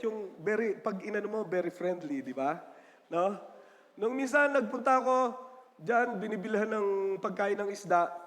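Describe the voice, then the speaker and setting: High-voiced joking pastor in a reverberant church. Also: male voice. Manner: chatty and joking, often asks the congregation "Amen?"; mixes in English definitions. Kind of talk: sermon. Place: church sanctuary. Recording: long church-hall reverb.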